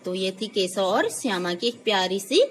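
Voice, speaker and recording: A woman's voice: mid-range voice, lively intonation, normal speed, a little hiss or hum, rough recording. Woman teacher retelling a school story. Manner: retells in simple words, acts out characters' lines with a raised voice; checks in with pupils. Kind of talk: reading and explaining a textbook story to students.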